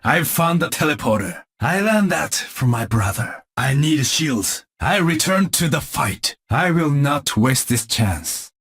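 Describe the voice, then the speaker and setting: A man's voice: a little high, big pitch swings, measured pace, few pauses, a bit bright, slightly rough, exaggerated voice. A man voicing a solemn, disciplined ninja warrior in a video game. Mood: focused resolve. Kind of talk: video game character voice lines.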